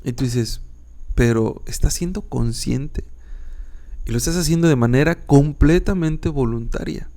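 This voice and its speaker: A man's voice: mid-range voice, a little slow, dark tone. A man with a northern Mexican accent, teaching philosophy as a podcast host in an informal, emphatic way, repeating key words.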